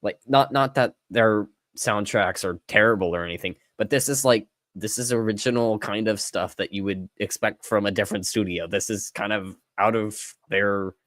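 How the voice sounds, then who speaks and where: A man co-hosts a casual podcast chat in an easygoing, enthusiastic way. His voice sits fairly low. The sound is dry, with no room echo. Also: moderate pace, few pauses, a bit bright. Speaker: podcast co-host.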